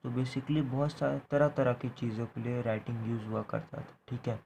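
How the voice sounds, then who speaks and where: Man, online teacher, monotone, warm, patient repetition. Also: medium pitch, moderate pace, vocal fry, slight background noise, rough recording. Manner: repeats points, ends phrases with "theek hai". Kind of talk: explaining a history lesson.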